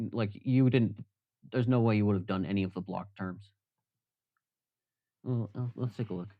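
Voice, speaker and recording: A man's voice: low-pitched, vocal fry, no echo. A man live-streaming from his workbench, chatting casually and jokingly with many fillers while he works. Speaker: livestreamer. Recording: dull, slightly lo-fi stream audio.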